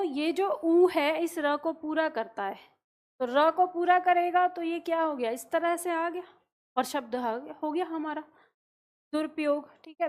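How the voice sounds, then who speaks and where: Here a woman with a high voice leads a classroom grammar lesson. Working patiently through examples, she poses questions and supplies the answers on her own.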